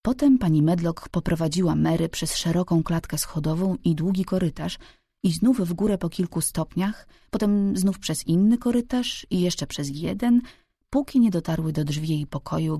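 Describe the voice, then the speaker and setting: A woman reading a novel aloud as an audiobook narrator, calm and even. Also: lowish voice, moderate pace, breathy edge, dry recording, studio quality. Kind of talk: scripted narration.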